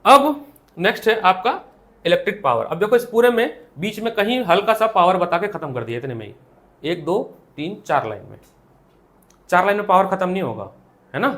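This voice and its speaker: A man's voice: sits high, fairly bright tone. A young man with an Indian accent teaching a physics class, asking questions and answering them himself. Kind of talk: classroom lecture. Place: classroom with students.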